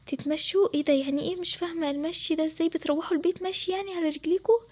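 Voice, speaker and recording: This is a bragging schoolgirl with an Egyptian Arabic accent, voiced by a woman. She speaks fast and high in a role-play drama voice-over. Her manner stays showy and pleading. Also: fairly even intonation. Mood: boastful. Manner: show-off, then pleading and soft. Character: boastful schoolgirl pretending to be rich.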